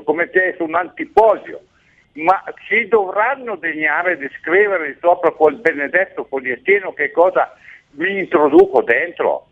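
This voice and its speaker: Man phoning in to a radio show, narrow tinny phone-line sound, lively swooping delivery, agitated and rambling. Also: on the high side, gravelly. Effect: heard over the phone. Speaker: radio caller. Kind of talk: call-in radio talk.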